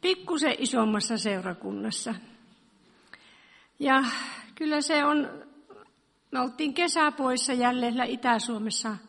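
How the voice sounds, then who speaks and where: Woman, high voice, friendly church greeting, long hall reverb. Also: gravelly, long pauses, fairly bright tone. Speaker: former congregation member visiting.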